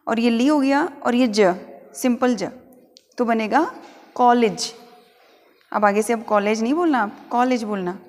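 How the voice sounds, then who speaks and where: A woman's voice: a little high, darkish tone. Patient woman teacher, echoing room. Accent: Rajasthani Hindi. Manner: spells words letter by letter, then repeats each word slowly several times. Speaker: English pronunciation teacher. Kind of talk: slow spelling-and-repeat lesson.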